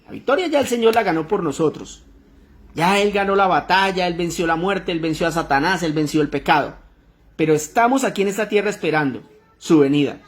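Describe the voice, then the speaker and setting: Emphatic preacher leading prayer. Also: medium pitch. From Colombia. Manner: emphatic, with rhetorical questions and rising exclamations. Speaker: prayer group leader. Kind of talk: Bible study sermon and prayer.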